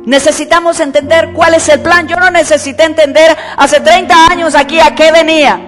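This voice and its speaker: High-voiced woman preaching. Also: steady tone, moderate pace. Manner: emphatic, repeats key words for stress. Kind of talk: sermon. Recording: echoey church hall with faint music.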